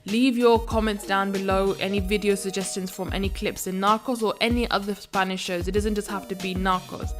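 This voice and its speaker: A woman at an average pitch gives a language lesson. She works through each phrase piece by piece in a patient, methodical way. Soft music plays faintly behind her. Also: steady tone, brisk, hardly any pauses. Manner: methodical, breaks phrases down step by step. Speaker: language teacher. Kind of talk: explanatory video lesson.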